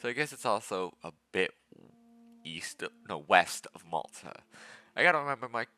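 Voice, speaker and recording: A man's voice: mid-range voice, big pitch swings, fairly quick, sharp tone, soft background music. A man giving casual, rambling commentary over his strategy game footage, with self-aware asides. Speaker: gaming video host.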